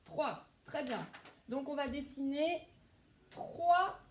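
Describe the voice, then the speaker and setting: A woman's voice: high-pitched, slow pace, a little mellow. A woman, a primary school teacher, giving a phonics lesson to young children and praising each one by name.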